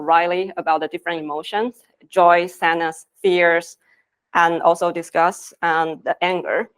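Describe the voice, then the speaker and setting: On a conference stage, a Taiwanese woman who works as a design lead presents earnestly, her phrasing noticeably non-native. Her voice sits on the low side and has a clean tone.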